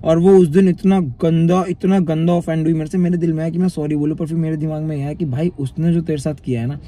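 A man's voice: a little high, fairly even intonation, fast, dark tone. A young man, telling his own story to his vlog viewers in a casual, chatty way and often calling them brother. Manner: chatty, frequently addresses viewers as bhai. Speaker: vlogger.

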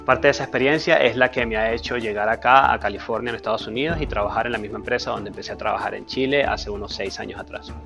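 Man, thirties, earnest direct-to-camera talk, lapel mic, soft music underneath. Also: on the low side, quick pace, vocal fry, hardly any pauses. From Venezuela. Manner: earnest, steady, frequent "eh" fillers, gestures with hands. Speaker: personal finance YouTuber. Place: dark studio with a screen backdrop.

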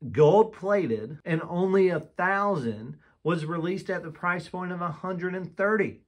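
A man with a slightly raised speaking pitch reviews a collectible lighter from his display room. He talks candidly and with enthusiasm, breaking off and restarting sentences as he gathers his thoughts. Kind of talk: casual product review vlog.

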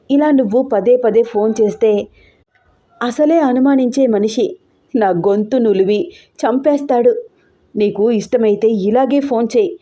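A woman reads as a frightened young wife in a storybook audio drama, pleading and near tears. Her voice sits a little high but stays mellow and soft-edged. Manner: pleading, tearful outbursts. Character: troubled young married woman, fearful and pleading.

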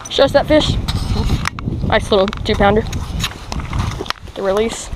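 A young man giving excited, rambling commentary outdoors by a pond, full of fillers and restarts. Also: sits high, a little slow, background noise. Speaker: fishing vlogger.

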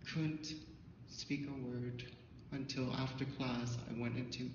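A middle-aged Thai artist presenter, whose first language is Thai, tells a personal story at a symposium in a dim hall with a projector screen, speaking haltingly with many fillers and restarts. His mid-range voice shows little pitch movement. He uses a handheld microphone but is filmed from afar, so the audio is distant, muffled, echoey, and dull, with background noise.

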